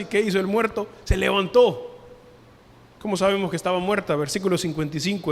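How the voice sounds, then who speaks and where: A man preaching a sermon as pastor, earnest, lifting his voice for emphasis and dropping it softly for quoted words. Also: fairly high pitch. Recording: long hall reverb.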